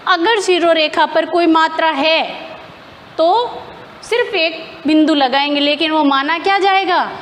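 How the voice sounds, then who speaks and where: A woman's voice: very high voice, a little slow, a bit bright, long reverb tail, slight background noise. A woman teacher explaining grammar step by step in a classroom lesson, asking questions and answering them herself.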